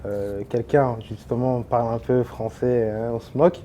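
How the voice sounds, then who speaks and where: A woman interviewer asking relaxed questions in a casual chat, with filler sounds as she thinks. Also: a bass voice, normal speed, slight background noise.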